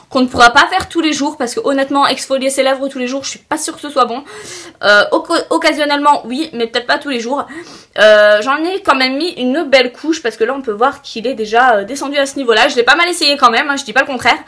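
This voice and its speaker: A young woman reviewing makeup products in a casual, chatty way, often pausing with fillers. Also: high-pitched, sharp tone. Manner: chatty, hesitant with many fillers. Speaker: beauty vlogger.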